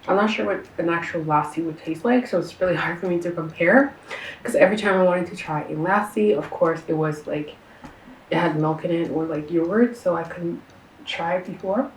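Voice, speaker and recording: A woman's voice: lowish voice, moderate pace, slight background noise. Chatty young woman vlogging, roomy sound. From Canada. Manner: chatty and enthusiastic, with many fillers and slang. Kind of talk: casual food-tasting vlog. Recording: roomy sound, a bit far from the mic.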